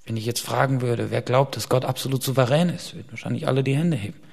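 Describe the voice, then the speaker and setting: A man preaching a sermon to his congregation, dropping to hushed whispers and rising to loud emphatic peaks. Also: mid-range voice, fast, creaky. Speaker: pastor.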